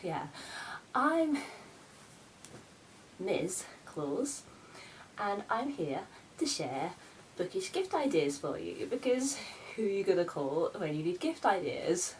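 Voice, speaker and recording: A woman's voice: medium pitch, big pitch swings, slow, pauses often, slight background noise. A woman playing Santa's sassy, self-important grown daughter in a campy comic vlog, presenting gift ideas theatrically. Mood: sassy, boastful.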